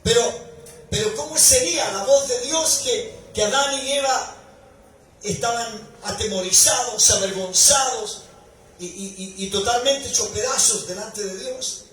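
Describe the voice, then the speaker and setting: A male pastor preaching a sermon, building to shouted emphasis at key points. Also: very high-pitched, measured pace. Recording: echoey hall recording from far off, faint noise.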